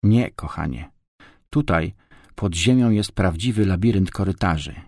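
A man reading a storybook, voicing a calm, careful grandfather who explains things patiently. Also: deep voice, unhurried, no room sound, studio quality, exaggerated voice. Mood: cautious.

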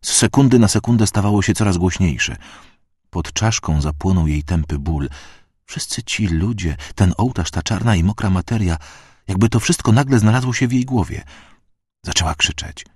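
A man reading a dark fantasy audiobook in a steady, measured way. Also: low-pitched, breathy edge, no room sound, studio quality. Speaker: audiobook narrator.

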